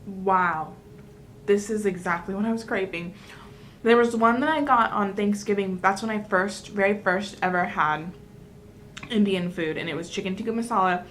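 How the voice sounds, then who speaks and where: A woman hosts a casual mukbang, chatting to her viewers in between bites of food. Her voice sits in a middle pitch. A faint hum of room noise stays in the background. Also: normal speed, fairly bright tone. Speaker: mukbang host. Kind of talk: casual eating-show chat.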